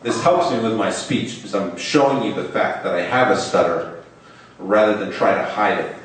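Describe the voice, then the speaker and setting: Here a young man speaks at normal speed in a fairly low voice, telling a personal story from a stage in a large hall. Openly stuttering, he repeats and stretches the beginnings of words. The audio is echoey, captured by a mic set far back.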